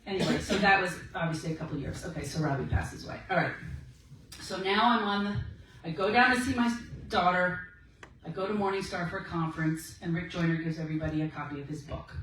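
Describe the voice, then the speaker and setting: A woman's voice: on the low side, fairly even intonation, fast, a bit bright, recorded from a distance, a little hiss or hum. A woman giving a personal testimony talk to a meeting, telling her story in a chatty way and acting out the quoted exchanges. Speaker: speaker at a women's ministry meeting. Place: meeting room. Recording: echoey room, voice from afar.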